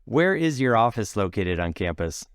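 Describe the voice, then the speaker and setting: Man, podcast host, upbeat interviewer, very low and smooth voice. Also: very animated, moderate pace, no room sound, studio quality. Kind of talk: casual interview conversation.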